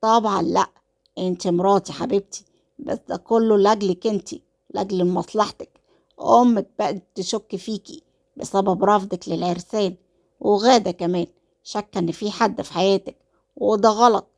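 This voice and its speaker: A woman's voice: mid-range voice, fairly even intonation, normal speed, creaky, a little mellow, close to an everyday voice. A woman voicing a cold, manipulative husband with an Egyptian accent, talking in a cool, dismissive way. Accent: Egyptian Arabic.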